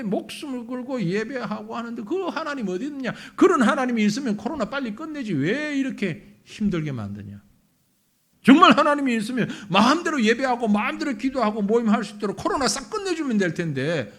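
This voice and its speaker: Guy doing a sneering mocker, taunting a believer over and over. the voice sits high and loud, rises and falls a lot, all scorn and jeering. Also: full character voice. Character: mocking male unbeliever taunting a believer.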